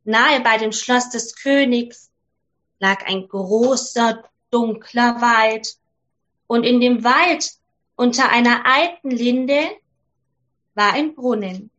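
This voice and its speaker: Slow, high-voiced woman reading a fairy tale. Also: dull audio. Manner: slow, gentle and clearly spoken for children. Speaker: storyteller for children.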